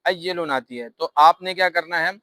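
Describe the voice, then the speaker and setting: In this grammar lesson, a man with a Pakistani Urdu accent explains Arabic, repeating every rule patiently one step at a time. His pitch is on the high side, with a pushed, bright quality. The recording is dry and of poor quality.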